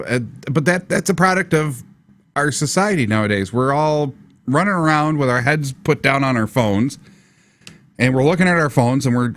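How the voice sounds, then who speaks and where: A man's voice: medium pitch, a bit bright, no echo. A middle-aged man with a stuffy nose from allergies, hosting a casual live tech talk show from his basement studio and rambling with many fillers and restarts. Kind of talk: casual live radio-style chat.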